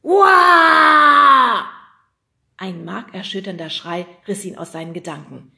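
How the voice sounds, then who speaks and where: A woman's voice: on the low side, steady tone, moderate pace, creaky. Woman reading a children's story. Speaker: audiobook narrator. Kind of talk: scripted narration.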